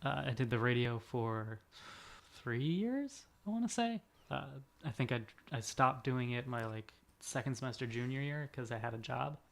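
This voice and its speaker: Rambling young man with a gravelly voice. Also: medium pitch, expressive, normal speed, fairly bright tone. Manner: rambling, self-deprecating, laughs often. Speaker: podcast co-host. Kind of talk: casual chat.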